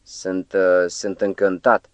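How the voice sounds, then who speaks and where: A man doing a hushed, placating gentleman. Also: deep voice, level tone, no echo, close to an everyday voice. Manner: hushed, soothing, falsely gentle. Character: cautious, placating middle-aged man, editor type.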